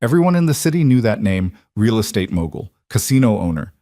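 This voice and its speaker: A man narrating a romance story in a measured, dramatic storytelling manner. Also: lowish voice, sing-song, warm tone, no echo, studio quality.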